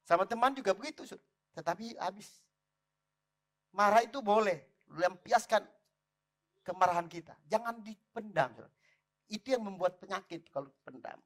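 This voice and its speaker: Lively man preaching a sermon. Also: high-pitched. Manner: lively preaching, calls out to the congregation. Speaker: pastor. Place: church.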